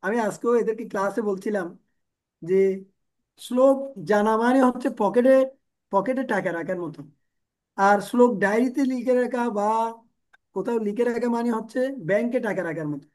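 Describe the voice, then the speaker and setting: High-voiced man giving a devotional class. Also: normal speed, pauses often, darkish tone. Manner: explains with everyday examples and rhetorical questions. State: strained throat from speaking loudly. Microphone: handheld microphone.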